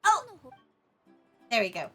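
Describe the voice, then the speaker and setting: A young woman with a Swedish accent streams a game and chats playfully with her viewers, talking to chat as she plays. She takes it slowly in a fairly bright tone, with faint music in the background.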